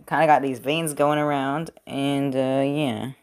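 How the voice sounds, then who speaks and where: Young male creator, loose rambling voice-over, everyday mid pitch, frequent fillers and self-corrections. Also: fairly even intonation, unhurried, a little hiss or hum. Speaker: robot-building video creator. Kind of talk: casual commentary while working. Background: TV football game.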